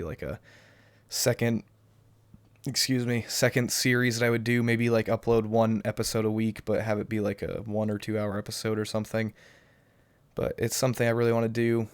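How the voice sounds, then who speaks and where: Talking to camera through a cheap webcam, a young gaming YouTuber answers viewer questions casually, hesitating and rambling with frequent restarts and ums. His voice is on the low side with a clean tone, though still a little off from the flu. The recording has no room sound.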